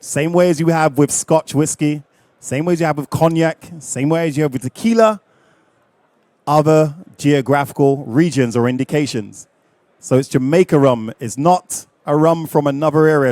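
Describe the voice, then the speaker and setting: A middle-aged man leading a live rum tasting, lively and jokey, chatting with his audience. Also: fairly high pitch, no echo.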